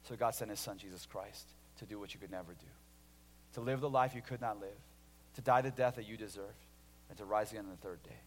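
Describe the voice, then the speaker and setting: A man in his thirties from Illinois preaching a sermon as a pastor, telling stories with lively restarts and swings between loud and hushed delivery. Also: on the low side, a little fast, a little hiss or hum. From Illinois, USA. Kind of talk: sermon with personal story. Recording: long hall reverb.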